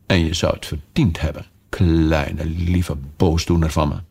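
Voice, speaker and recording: A man's voice: extremely low pitch, flat delivery, unhurried, creaky, darkish tone, husky, full character voice. A man voicing a chatty young girl who scolds her kitten, in a storybook reading. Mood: scolding.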